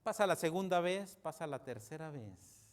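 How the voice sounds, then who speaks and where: In a sermon delivered at normal speed, a pastor with a somewhat high, expressive voice speaks emphatically. He calls out to the congregation repeatedly and now and then drops abruptly to a hush.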